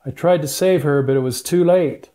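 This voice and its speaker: A man's voice: a little high, moderate pace, warm tone, lightly acted. An older man with a grandpa voice voicing a stern, accusing young prince from a storybook, with emphatic delivery. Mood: stern, urgent. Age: 60s or older.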